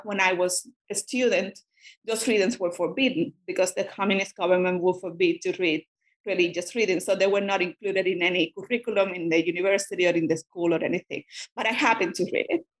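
A woman who grew up in Cuba, a native Spanish speaker, talks as a guest scholar in an academic interview. Her voice sits in a middle pitch. She thinks aloud, circling back and restarting phrases as she goes. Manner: thoughtful, frequent restarts.

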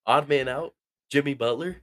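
A man's voice: mid-range voice, moderate pace, fairly bright tone, no echo. A young man co-hosting a casual sports podcast, answering in a laid-back, joking, slangy way. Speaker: podcast co-host.

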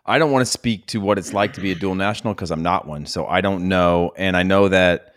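An American man in his thirties chatting casually as a sports podcast host, often thinking aloud in a halting way. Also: low voice, no echo, studio quality. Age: 30s. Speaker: podcast host, former national team soccer player.

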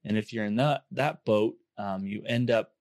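A man with a hoarse, under-the-weather voice, hosting a podcast in an informal, upbeat way. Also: on the low side, moderate pace, a little mellow, no room sound, clean studio sound. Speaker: podcast host. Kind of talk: casual podcast talk to listeners.

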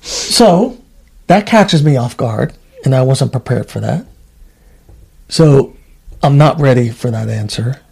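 Male podcast host, ex-trooper, casual, animated storyteller. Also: medium pitch, a little slow, creaky, slightly rough. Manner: animated, acts out voices in his stories.

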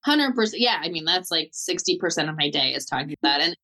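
Casual Southern Californian woman, slightly low voice. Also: expressive, fast talker, vocal fry, bright, forceful tone. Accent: Southern Californian, slightly Valley girl. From Southern California, United States. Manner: informal, peppered with "like" and "totally". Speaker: therapist, guest. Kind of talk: casual interview chat.

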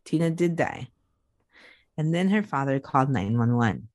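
A woman's voice: very deep voice, expressive, normal speed, darkish tone, no echo, clean studio sound. A woman co-hosting a podcast, telling a true crime story in a loose, chatty way with some swearing. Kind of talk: casual true crime narration.

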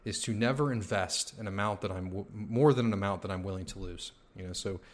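A man hosts a relaxed podcast interview in a fairly low voice. He talks loosely, dropping "you know" into nearly every thought, and his mouth is sore from a tooth coming in. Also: brisk. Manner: relaxed, filler-heavy talk with many "you know"s. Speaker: podcast host.

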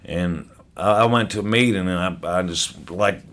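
This podcast guest's voice sits low, and he talks at a moderate pace. Recounting his story casually, he swears freely and speaks bluntly, growing loud when reliving key moments and restarting sentences with repeated words.

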